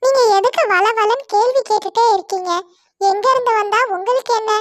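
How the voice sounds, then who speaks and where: Woman playing a greedy bird big sister in a cartoon; very high squeaky voice, contemptuous and commanding, dry studio sound. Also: brisk, no echo. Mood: pushy. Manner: scornful, commanding. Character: bossy greedy young female bird, older sister.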